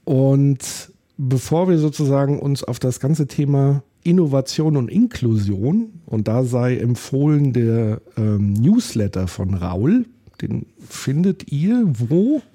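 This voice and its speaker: A man's voice: mid-range voice, big pitch swings, slow, warm tone. A man hosting a podcast interview, welcoming his guest in a friendly way with frequent fillers. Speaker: podcast host.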